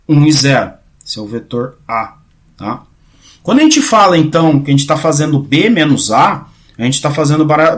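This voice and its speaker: A man giving a casual math lecture, often checking in with his students and restarting phrases, going quieter while he draws. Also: medium pitch. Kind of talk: informal recorded lecture.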